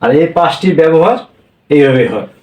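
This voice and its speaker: Man teaching slowly, echoey and distant. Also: a little high, animated, a little mellow. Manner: explains slowly, repeats points, checks with "হ্যাঁ?". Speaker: Korean language teacher. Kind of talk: classroom-style lesson.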